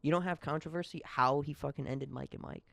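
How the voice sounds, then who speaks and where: A man's voice: fairly high pitch, fairly even intonation, a little fast, creaky, fairly bright tone, dry recording. A young man hosting a solo podcast, ranting in a rambling, profane, heated way. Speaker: podcast host. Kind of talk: solo comedic podcast rant.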